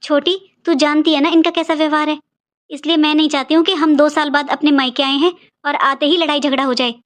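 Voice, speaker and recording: A woman voicing an elder married sister in a cartoon, calm and cautious, keeping the peace in a low, soothing, hushed voice. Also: a little fast, lightly acted. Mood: hushing. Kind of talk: cartoon voice acting.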